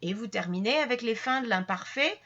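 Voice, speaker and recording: Woman teacher, bright higher voice, patient step-by-step explainer, slightly dull lo-fi recording. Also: lively intonation, brisk. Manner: patient, explains step by step with many fillers and restarts. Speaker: French teacher. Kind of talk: grammar lesson to camera.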